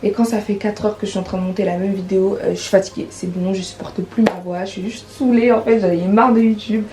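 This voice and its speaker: A woman's voice: medium pitch, steady tone, quick pace, noisy background. A teenage girl chatting casually through her vlog, with many fillers and restarts. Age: teens. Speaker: vlogger.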